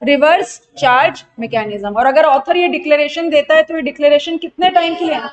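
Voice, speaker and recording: A young Indian woman teaching an online tax revision class, asking her students quick questions and answering them herself, mixing Hindi with English terms. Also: high voice, muffled recording. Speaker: GST exam tutor.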